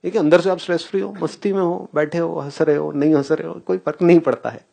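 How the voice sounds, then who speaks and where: A man giving a live spiritual talk to an audience, animated and questioning, often laughing as he mixes English phrases into Hindi. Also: a little high, fast, gravelly. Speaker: spiritual speaker.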